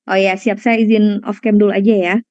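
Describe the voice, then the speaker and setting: A woman's voice: medium pitch, flat delivery, brisk, darkish tone, no room sound. A woman counselor giving an online parenting lecture over a video call, speaking conversationally to her listeners and slipping in English words. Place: indoors at home during a power cut. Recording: dull, lo-fi video-call audio.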